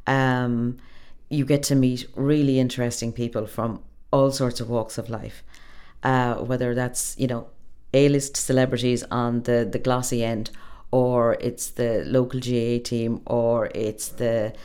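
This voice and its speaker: A middle-aged woman with a west of Ireland accent giving thoughtful, conversational interview answers, pausing to find her phrasing. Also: rumbling low, flat delivery, mellow, clean tone. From Galway, west of Ireland. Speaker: interview guest, public relations professional.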